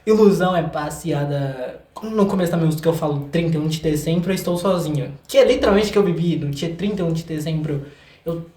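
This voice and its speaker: Speaking a little fast in a warm, fairly high-pitched voice, a young Brazilian-accented singer-songwriter chats casually as an interview guest. He uses slang, stays informal and pokes fun at himself, all recorded in an echoey room.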